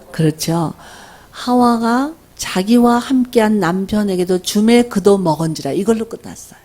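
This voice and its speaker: An older woman lectures at a workshop in a mellow, warm voice. She tells stories from home with lively energy and keeps asking her listeners questions. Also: medium pitch. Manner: animated, asks the audience questions. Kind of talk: faith-based lecture with storytelling.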